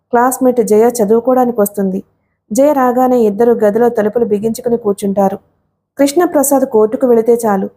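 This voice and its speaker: A woman with a Telugu accent reads a family novel for an audiobook. Her voice sits a little high and sounds warm and mellow. She acts out the characters' lines, dropping lower and softer for the men. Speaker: audiobook narrator. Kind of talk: dramatic storybook reading with character dialogue.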